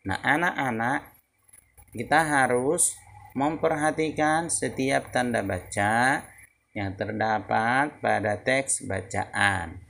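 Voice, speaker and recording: Slow, gravelly-voiced male teacher. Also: medium pitch, fairly bright tone. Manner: slow, deliberate explaining with repetitions. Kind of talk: lesson video for children.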